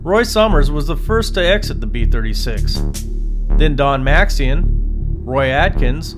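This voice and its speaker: Male documentary narrator, higher voice, lively, music playing underneath. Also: a little slow. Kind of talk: scripted narration.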